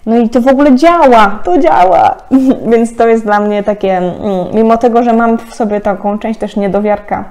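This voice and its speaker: Lady in her 30s doing a chatty card reading, mellow voice, laughs a lot. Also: fairly high pitch, normal speed. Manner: chatty, laughs often, many fillers. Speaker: tarot card reader. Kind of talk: casual spiritual card-reading talk.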